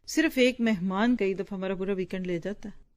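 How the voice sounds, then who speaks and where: A woman Islamic teacher reading from a book to her students and explaining it, stopping to ask and answer what words mean. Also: medium pitch. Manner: pauses to explain word meanings with quick questions to the class; conversational, addresses listeners directly.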